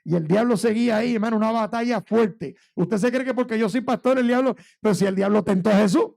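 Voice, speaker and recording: A man's voice: high-pitched, quick pace, vocal fry, darkish tone. A male pastor preaching a sermon in a church, fervently telling a personal story and calling listeners brother.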